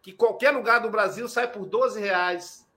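A man with a Brazilian accent hosting a casual live chat show, lively and talkative, acting out little quoted dialogues. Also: high voice, a little slow. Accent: Brazilian Portuguese. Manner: lively, chatty, acts out quoted speech. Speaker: host.

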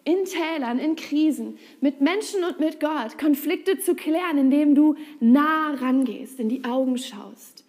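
Eine Frau, die ernst, direkt und im Gesprächston predigt. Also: female voice, sits high, unhurried, hardly any pauses, a little mellow. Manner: earnest, direct, conversational. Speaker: preacher. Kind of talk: sermon.

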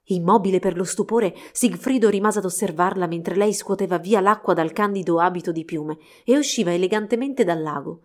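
A woman narrating a fairy tale storybook in a steady, expressive reading. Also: lowish voice, brisk, hardly any pauses.

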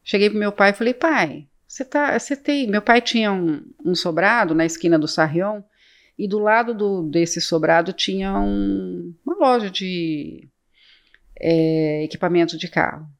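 Fairly low and creaky, this woman's voice moves at a moderate pace. She's a real estate agency owner in her late fifties, with a Brazilian accent from the São Paulo interior, recounting her story as a guest on a podcast. Chatty, she repeats words while acting out past conversations.

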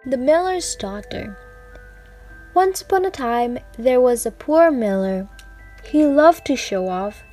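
A woman's voice: high voice, animated, slow, darkish tone, faint music behind. A woman hosting a children's podcast, carefully reading a storybook and explaining words aloud.

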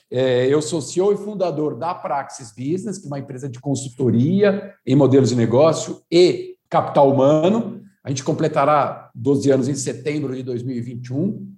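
A man's voice: a little high, dark tone. A man of fifty from Brazil, a consultant guest on a podcast, explaining in a reflective, teacherly way with many fillers and restarts. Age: 50s. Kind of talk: podcast interview. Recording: roomy echo.

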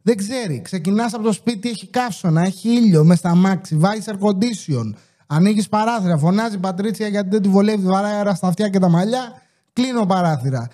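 A man's voice: high voice, animated, mellow. A man hosting a podcast, telling a rambling comic story in a casual way, swearing freely and acting out the voices of the people he quotes. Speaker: podcast host.

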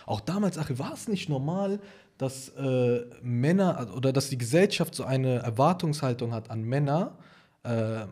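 Guy in his 20s, mellow dark tone, casual chat, stops and starts, keeps checking you follow. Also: medium pitch, animated, husky. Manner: halting, checking in with question tags.

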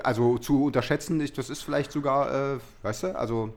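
A man's voice: medium pitch, fairly even intonation. A man co-hosting a podcast, talking casually with dry jokes and many fillers. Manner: quick, joking, many fillers. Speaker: podcast co-host. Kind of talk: casual chat.

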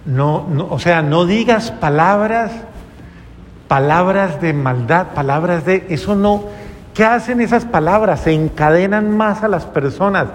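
A priest preaches with earnest conviction, asking his listeners pointed rhetorical questions. His voice sits a little high for a man and carries a long church reverb. A faint ambient hum lies underneath. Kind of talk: sermon.

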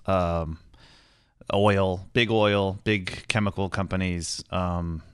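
A Northern California man, heard as a podcast guest, spins wry, stop-and-start anecdotes in casual storytelling. His voice is deep, steady and slow, yet fairly bright and smooth, recorded close and dry on a clean mic.

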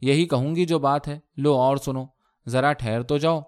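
An emotional young bride from a read-aloud story pleads and scolds with feeling, as a male reader puts her on. Her voice sits at a middling pitch, nothing exaggerated. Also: fairly even intonation, smooth, natural voice. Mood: scolding. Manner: impassioned, scolding pleas.

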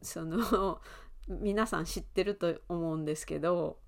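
A woman in her thirties with an Osaka accent, hosting a podcast lesson and explaining words in an easygoing way with fillers and soft laughs. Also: fairly low pitch, unhurried, vocal fry. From Osaka, Japan. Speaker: Japanese teacher and podcast host.

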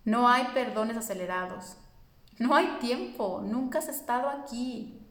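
A woman's voice: a little high, expressive, a little slow, a bit bright, reverberant. A woman, teaching a spiritual course in an earnest, reassuring way, speaking directly to her listeners.

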